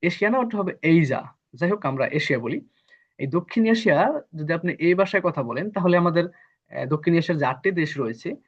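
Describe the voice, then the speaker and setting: A man from Bangladesh teaches a live online lesson, patiently repeating each term so students catch it. His voice sits a little high and sounds husky. The recording is dull and lo-fi. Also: a bit bright. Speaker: English teacher.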